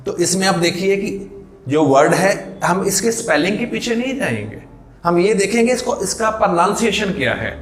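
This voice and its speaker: Male English teacher, fairly high voice, echoey room, questions-and-answers lesson style, slows on key terms. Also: lively intonation, fairly bright tone, soft background music. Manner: mixes Hindi with English words. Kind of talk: classroom-style lesson explanation.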